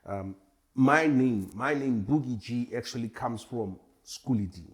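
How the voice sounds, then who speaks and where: A man's voice: medium pitch, unhurried. A man in his forties from Tanzania, a hip hop artist chatting as a guest in a casual interview, laid-back and rambling. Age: 40s.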